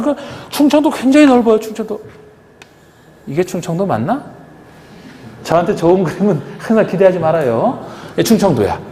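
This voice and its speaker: Man, classroom lecture, lively up-and-down voice, mellow tone, echoey hall, faint background noise. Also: high voice. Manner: questioning, rhetorical, coaxing the class. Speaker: real estate agent exam instructor.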